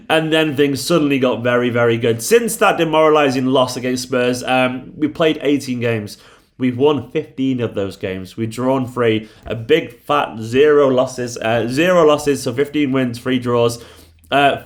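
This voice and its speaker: A man hosting a football fan channel, talking casually with emphatic, hyperbolic praise and repeated superlatives. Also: mid-range voice. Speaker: YouTube football channel host.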